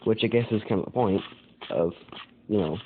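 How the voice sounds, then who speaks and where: A man's voice: fairly low pitch, fairly quick. A man with an American accent, hosting his own channel, rambling through casual commentary with lots of fillers and self-corrections. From United States. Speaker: channel host. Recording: tinny phone-like sound with faint noise.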